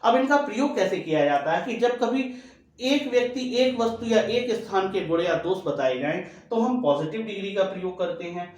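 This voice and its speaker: A man's voice: high voice, darkish tone. A man teaching English grammar, explaining step by step and repeating each key rule. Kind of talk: classroom-style grammar lesson. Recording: very echoey room.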